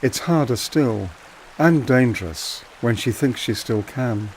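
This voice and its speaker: A man giving measured, plain scripted narration for a documentary. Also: medium pitch, a little mellow, slight background noise, low-quality recording.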